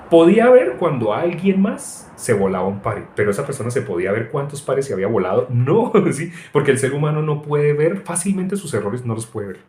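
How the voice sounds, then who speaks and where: Middle-aged male preacher, animated storyteller, mid-range voice, roomy echo. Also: medium pitch, slight background noise. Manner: animated, tells anecdotes, mocks voices, frequent laughs. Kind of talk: informal sermon with personal stories. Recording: echoey room.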